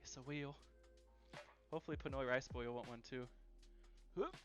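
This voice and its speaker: In dull, lo-fi livestream audio with soft music in the background, a man hosts a casual cooking stream from his kitchen at home. His medium-pitched voice is a bit bright at a moderate pace, and he chats easily, repeating phrases for emphasis.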